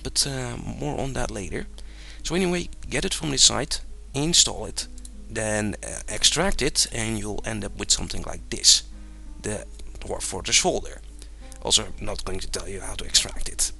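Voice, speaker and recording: A young Dutch-accented man from the Netherlands gives a laid-back screen narration of a game tutorial, wandering from point to point with many fillers and often chuckling. His voice sits on the low side and has vocal fry.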